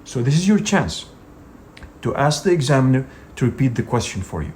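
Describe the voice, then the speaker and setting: A man's voice: medium pitch, sing-song, brisk, darkish tone, slight background noise. A man teaching an English speaking exam lesson, talking in an emphatic, direct coaching manner with frequent "you know" fillers. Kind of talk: instructional video lesson.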